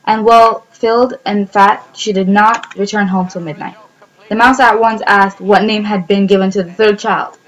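A woman's voice: mid-range voice, normal speed, poor audio. Woman reading a fairy tale aloud. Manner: steady reading with small slips and restarts. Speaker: narrator.

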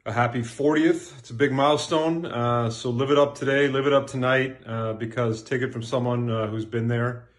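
A man's voice: medium pitch, fairly even intonation, normal speed, hardly any pauses. Regular-voiced guy ribbing a friend about getting old, casual. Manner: teasing, joking about aging. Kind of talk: casual recorded birthday greeting.

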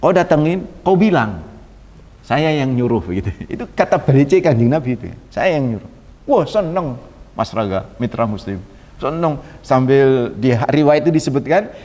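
A religious teacher with a slightly high, slightly mellow voice preaches a sermon, telling a story with animation, acting out its dialogue and adding chatty asides. The sound is reverberant, like a hall.

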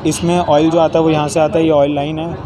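A young man in his twenties hosts a casual car-mechanics vlog from an outdoor garage workshop, explaining parts step by step with some hesitation. His voice is a little high, flat, and fast, with crowd noise plus street and vehicle sounds behind him.

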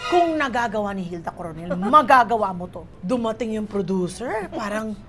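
Animated woman guest telling stories. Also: medium pitch, normal speed, over music. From Philippines. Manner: animated, acts out quoted lines, mixes Tagalog and English. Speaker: guest actress. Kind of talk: casual storytelling chat.

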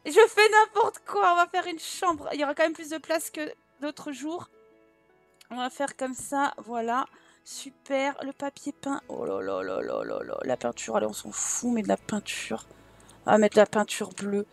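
A woman's voice: high-pitched, moderate pace. A woman doing frantic, self-mocking commentary while racing through a timed home-building game challenge. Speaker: gaming YouTuber. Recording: faint game music behind.

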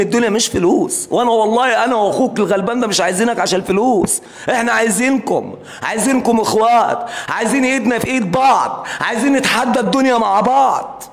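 A man's voice: high voice, gravelly. A man making an impassioned, repetitive plea in a live interview. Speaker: interviewee, brother of a singer.

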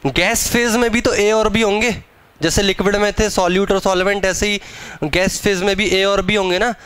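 A young man's high-pitched, smooth voice, fairly bright with fairly even intonation, leads a live chemistry class. He speaks casually to the students in the room, teases them, and draws out the important terms.

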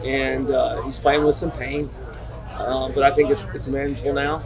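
A middle-aged man, a head football coach at a postgame press conference, talking in halting, restarting sentences with many repeats. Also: medium pitch, little pitch movement, poor audio. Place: concrete-walled stadium corridor. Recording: crowd chatter behind. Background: crowd noise.

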